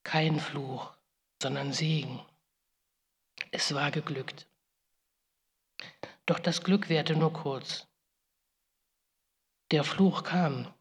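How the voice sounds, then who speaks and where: A woman with a low, exaggerated voice speaks very slowly, leaving long pauses. She plays Rebekka, a biblical mother tormented by guilt, delivering a grave first-person monologue broken by pleading outbursts in a large echoing hall. The mood is a solemn lament.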